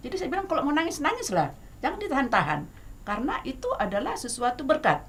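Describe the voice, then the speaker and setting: A middle-aged woman with an Indonesian accent, talking as a guest songwriter in a casual talk show chat, hesitant with many fillers but lively and emphatic. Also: high voice, quick pace. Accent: Indonesian, Batak.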